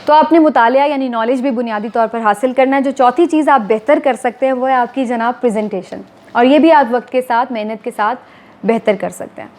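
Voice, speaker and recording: Woman anchor, kinda high voice, steady and explaining, talks to viewers formally. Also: a little fast. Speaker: TV anchor giving career advice. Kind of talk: instructional talk to camera.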